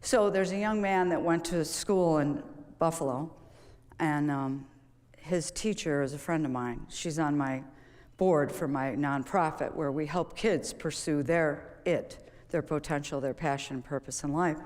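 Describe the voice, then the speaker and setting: A woman's voice: low-pitched, a little slow, darkish tone. A woman, a golf coach, giving a motivational stage talk in a conversational, storytelling way, with frequent rhetorical questions. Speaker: public speaker and golf coach. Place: stage in a large auditorium. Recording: long reverb of a large hall.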